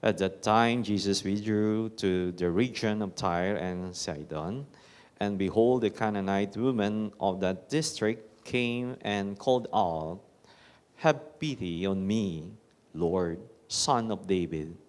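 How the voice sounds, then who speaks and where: A Filipino-accented man in his forties, a priest proclaiming the gospel and preaching in a measured, solemn way with touches of self-mocking humor, his voice ringing with cathedral echo in a large church. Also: on the low side, a little mellow. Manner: measured, solemn proclamation that turns to joking self-mockery in the homily. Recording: long echoey church reverb.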